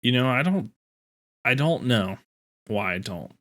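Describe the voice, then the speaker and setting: A man's voice: mid-range voice, expressive, measured pace, fairly bright tone. A man. He talks as a podcast co-host, in loose, informal banter with a friendly-chat structure.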